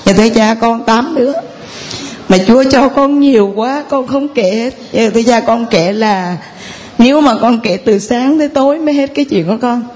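A woman's voice: on the high side, moderate pace, a little mellow. Earnest woman testifying. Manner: rambling, earnest storytelling addressed to a priest. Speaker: parishioner giving testimony. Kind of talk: tearful church testimony. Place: church.

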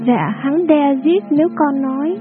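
A gentle young peasant girl, gravely hurt voiced by a woman reading a storybook, speaks in a raised, high voice that stays faint and pleading. Her lines come through thin and phone-like. Music plays clearly behind her. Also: unhurried. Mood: weak.

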